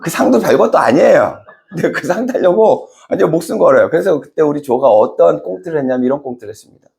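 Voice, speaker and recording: A middle-aged male pastor preaching a sermon, telling stories with lively acted-out voices and asking the congregation questions. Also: quick pace, gravelly. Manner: animated storytelling, acts out characters with big pitch jumps; conversational, asks the congregation questions.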